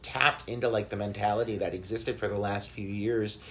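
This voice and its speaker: A man's voice: fairly low pitch, fairly even intonation, normal speed, a bit bright. A man appears as a podcast guest, chatting casually about films and shows. He is enthusiastic and rambling, often restarting his sentences as he talks. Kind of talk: casual pop culture chat.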